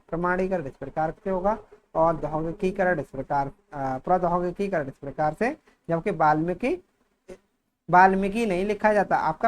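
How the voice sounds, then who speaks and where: Man teaching grammar at a steady pace. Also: sits high, slight background noise. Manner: repeats each word, dictating-style explanation. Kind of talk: Hindi grammar exam-prep lesson.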